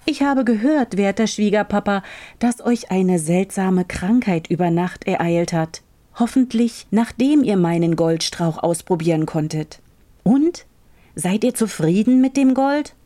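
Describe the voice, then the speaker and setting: A woman's voice: mid-range voice, lively intonation, a little slow, dark tone, lightly acted. A woman voicing a sly young prince who courts with polite, mocking irony, in a storybook reading. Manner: polite, teasing, ironically courteous.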